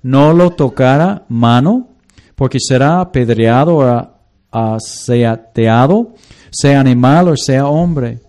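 A man's voice: medium pitch, darkish tone. A man preaching a sermon as a pastor, reading scripture aloud and acting out everyday voices. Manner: slow, reads scripture and acts out everyday voices.

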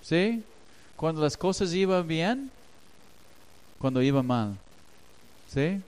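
A man preaching a sermon as pastor, swinging between hushed lines and loud, emphatic ones. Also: a little high, animated, slow, rough recording.

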